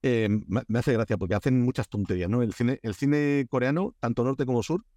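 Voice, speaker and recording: A man's voice: medium pitch, fairly quick, no echo. Chatty man from Spain telling stories. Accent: Spain Spanish. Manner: animated storyteller, many restarts and fillers. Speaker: guest, Korea expert. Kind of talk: casual podcast interview.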